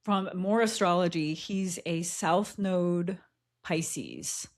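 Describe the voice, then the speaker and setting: A woman's voice: lowish voice, takes it slowly. A woman co-hosting a podcast, telling a personal story in a candid, reflective way, with frequent laughs and fillers. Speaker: podcast co-host. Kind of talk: casual chat, personal storytelling.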